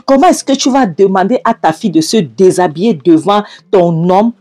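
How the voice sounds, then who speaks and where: A woman's voice: on the low side, expressive, moderate pace, darkish tone. A woman voicing an indignant friend who scolds and presses with many questions. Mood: outraged. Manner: scolding, insistent.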